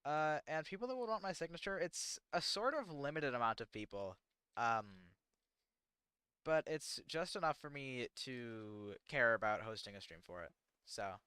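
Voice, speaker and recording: A teenage American guy chats casually on a livestream, answering questions from chat in a rambling, self-deprecating way full of fillers. His voice sits at medium pitch and normal speed, sounding pushed and bright. The tone is clean with no echo.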